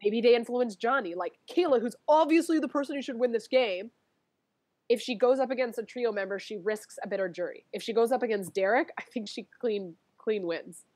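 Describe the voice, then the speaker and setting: A woman chatting casually as a guest, animated and quick, laughing often and circling back to her points. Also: on the high side, dry recording. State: allergies, sniffly. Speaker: guest, former reality show contestant. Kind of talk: casual chat.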